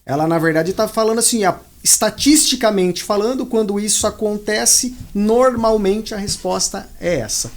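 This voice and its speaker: A man with a Brazilian Portuguese accent explains things patiently to an interviewer, often repeating a point to drive it home. His voice sits notably high for a man. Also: moderate pace, few pauses. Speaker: invited specialist.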